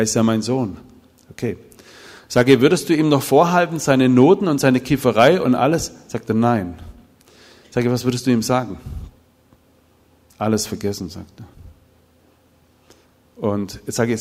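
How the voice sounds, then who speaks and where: Middle-aged male preacher, animated storyteller who acts out dialogue, recorded in a reverberant hall. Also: on the low side, slightly rough. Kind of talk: sermon with told stories.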